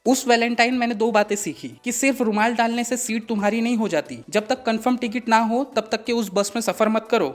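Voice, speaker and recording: Animated young male comic storyteller. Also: high-pitched. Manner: animated, mock-dramatic. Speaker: comedy video creator.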